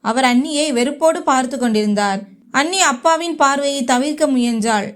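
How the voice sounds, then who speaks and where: A woman narrating a first-person short story in a slow, even storytelling manner. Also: high voice.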